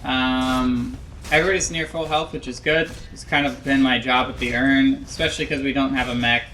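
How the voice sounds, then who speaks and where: A man's voice: mid-range voice, little pitch movement, moderate pace, pushed and bright, a little hiss or hum. A young man giving casual, self-critical commentary over his own match footage, rambling with lots of ums and likes, drowsy and yawning. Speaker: gameplay analyst.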